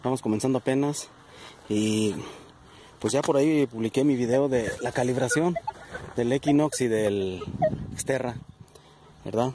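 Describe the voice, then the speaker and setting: Un hombre con acento mexicano que narra con tono de charla su búsqueda con detector de metales en un campo, hablándole a sus seguidores como amigos. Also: male voice, mid-range voice, measured pace, long pauses, background noise. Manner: chatty, addresses viewers as friends. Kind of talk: casual outdoor vlog narration. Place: outdoors in a plowed field.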